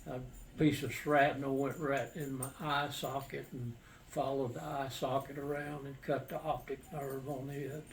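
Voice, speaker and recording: An older man, a war veteran, casually recounting his memories in a halting, matter-of-fact, plain-spoken way. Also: mid-range voice, level tone. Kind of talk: casual personal storytelling. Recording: distant mic with faint background noise.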